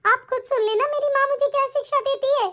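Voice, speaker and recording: A woman doing a very high-pitched anxious young bride. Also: steady tone, fast, a bit bright. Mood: pleading. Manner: pleading, emotional, tearful at times.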